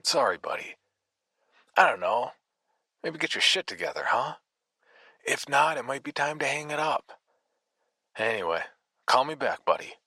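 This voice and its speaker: A man's voice: medium pitch, big pitch swings, normal speed, pauses often, pushed and bright, husky, no echo, studio quality, voice pushed up, full character voice. A man voicing a slick, condescending male music agent with a smarmy, pushy manner.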